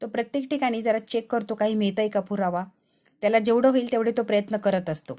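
Lady recapping a tv serial episode, mellow voice. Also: a little high, fast. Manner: narrating plot and acting out dialogue.

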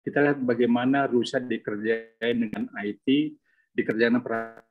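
A man's voice: mid-range voice, steady tone, normal speed, phone-quality sound, soft background music. A man speaking as a panelist in an online discussion, talking things through in a discursive way, his voice breaking up over a video call connection. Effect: choppy, breaking-up audio over a video call. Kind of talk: discussion talk.

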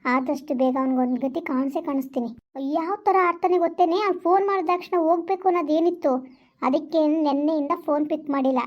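A woman plays a jealous young woman scolding her lover in a rural vlog skit, reproachful and fast-talking. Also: a little mellow, muffled recording, lightly acted. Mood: brooding. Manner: reproachful, quick and high-pitched. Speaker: amateur skit actor. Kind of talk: village vlog skit acting.

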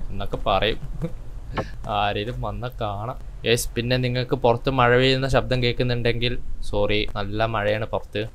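A man with a Kerala Malayalam accent commentating a horror game for his channel, chatty, shouting in sudden bursts when attacked. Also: mid-range voice, slight background noise. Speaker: gaming YouTuber. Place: indoors with rain heard outside.

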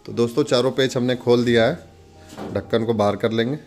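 A man's voice: medium pitch, steady tone, brisk, a little mellow, soft background music. A man narrating a casual, step-by-step product demonstration in an instructional way, pointing things out as he goes. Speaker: product demonstrator and channel host.

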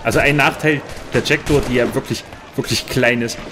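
A man's voice: medium pitch, a little fast, background noise. A man giving casual let's play commentary, grumbling and chatting with himself and his viewers.

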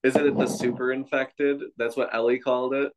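A man's voice: medium pitch, level tone, normal speed, noisy background. A young man hosting a casual, joking review chat, laid-back and profane. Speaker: podcast host.

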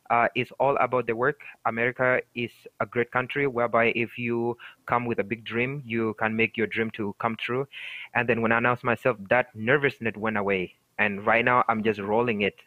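A young man from Ethiopia, a city council candidate, speaking earnestly with many halting fillers over a headset on a video call. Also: medium pitch, dry recording. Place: home room. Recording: dry tinny video call audio.

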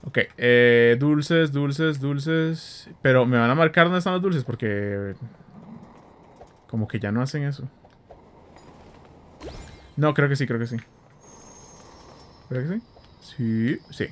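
A man chatting excitedly while playing a video game, with a Central American Spanish accent, making blaster sounds and joking. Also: medium pitch, takes it slowly, pauses often, a little hiss or hum. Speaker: gameplay streamer. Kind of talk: casual let's-play commentary.

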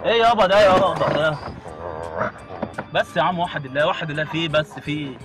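A man with an Egyptian accent riding as a passenger in a taxi, baffled and pleading for calm. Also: on the high side, quick pace. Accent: Egyptian Arabic. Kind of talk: reacting in a prank. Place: inside a taxi. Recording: loud music over the voice.

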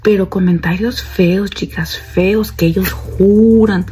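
A woman's voice: mid-range voice, steady tone, takes it slowly, dark tone, faint music behind. A young woman vlogging casually to her viewers, chatty and repeating herself as she talks to them directly.

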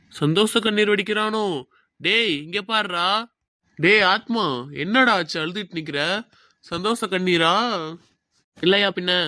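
A man's voice: high voice, a bit bright, clean tone, dry recording. A man playing young film hopefuls who chat as close friends in a web drama. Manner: friendly banter. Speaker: aspiring screenwriter and friend characters.

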